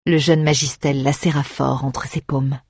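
Husky low-voiced lady reading a fantasy book, steady pace. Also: no room sound, studio quality. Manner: steady, measured storytelling. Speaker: audiobook reader. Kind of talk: scripted fantasy narration.

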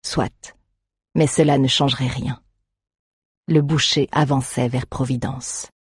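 Narrator, even pace of storytelling, breathy, dry. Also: medium pitch, takes it slowly, no echo. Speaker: audiobook narrator. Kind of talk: scripted narration.

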